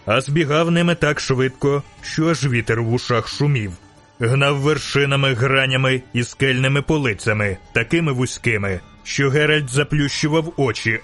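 A man narrating a fantasy audiobook in a steady, vivid telling, at an ordinary mid-range pitch. Faint music plays beneath the reading.

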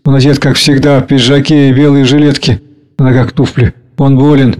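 A man reading the stage directions of a play aloud in a measured way. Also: mid-range voice, flat delivery, darkish tone. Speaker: reader.

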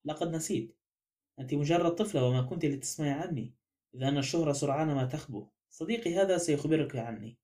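A proud, pompous master detective who insists on his own greatness, as a man reads him aloud. The voice sits a little high for a man yet sounds mellow and dark. It comes from a spoken audiobook. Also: fast, close to an everyday voice. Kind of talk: audiobook character reading.

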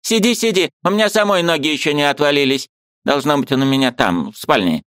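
A man reading an audiobook and voicing a fussy, bustling old aunt who talks in a brisk, scolding, chattering way. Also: a little high, expressive, fairly bright tone, clean tone, no echo, voice pushed up.

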